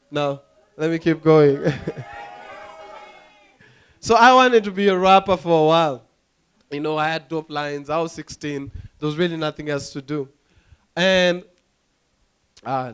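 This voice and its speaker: A young Kenyan man with a Kenyan accent doing a stand-up comedy set, telling animated stories, acting out voices and laughing at his own jokes. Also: on the high side, a little slow, pauses often, clear, resonant tone. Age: young adult. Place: comedy club stage.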